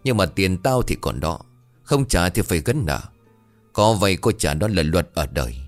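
A man's voice: low-pitched, lively intonation, moderate pace, soft background music. A man voicing a greedy, harsh old village money-lender who talks down to the poor in a scornful, threatening way.

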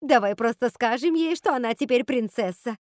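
A woman voicing an excitable young witch sister who squeals and mocks gleefully. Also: a little high, normal speed, no echo, clean studio sound. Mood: squealing.

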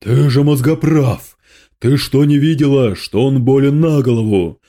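A man's voice: medium pitch, a little slow, warm tone, natural voice. A man reading aloud, voicing a spiteful male demon lord who hisses and gloats with scorn. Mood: menacing.

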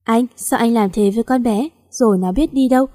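A woman's voice: a little high, brisk, warm tone, natural voice. A woman voicing a concerned, protective older sister in a read-aloud story.

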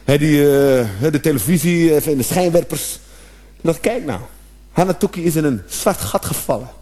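A man doing a stand-up comedy routine, animated, with sudden shouted outbursts and acted-out noises. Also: on the high side, moderate pace.

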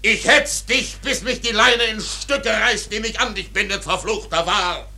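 A male actor playing a proud, doomed old whaling captain in a German radio play, declaiming solemnly in a gravelly, husky voice. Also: high-pitched, unhurried, sharp tone, heavily acted. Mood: raging, defiant.

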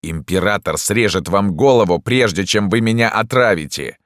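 A man's voice: lowish voice, lively intonation, normal speed, no room sound, studio quality, lightly acted. A man voicing a brusque, commanding servant of an emperor in an audiobook, barking orders. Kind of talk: audiobook character voice.

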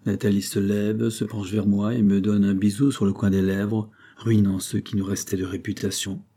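Man narrating a novel, low, dark, husky voice, measured first-person read. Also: level tone. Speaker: audiobook narrator.

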